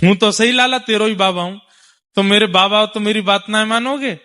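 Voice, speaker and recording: A man with a Braj accent voicing a soft-hearted old father who indulges and soothes his little son. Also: sits high, normal speed. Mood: reassuring.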